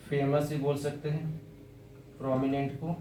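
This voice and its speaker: A man with an Indian English accent teaching English vocabulary and spelling words out slowly, letter by letter. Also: on the high side, flat delivery, mellow, echoey room, recorded from a distance, a little hiss or hum, rough recording. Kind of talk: vocabulary lesson.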